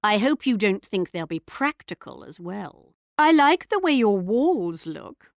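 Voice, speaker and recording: A woman's voice: mid-range voice, no echo, clean studio sound. An actress playing a haughty queen in a strategy video game, speaking in a regal, arch, mocking manner. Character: haughty English queen leading her empire, taunting rivals. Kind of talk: scripted strategy game taunts and announcements.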